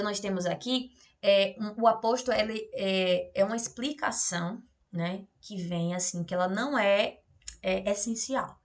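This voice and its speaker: A woman with a Brazilian Portuguese accent teaches punctuation to adult learners over a remote class. She talks in a relaxed, chatty way and keeps checking that her listeners follow. She reads her example sentences aloud with exaggerated intonation. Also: mid-range voice. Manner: explains in a chatty way, with many tag questions and fillers. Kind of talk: remote adult-education grammar lesson.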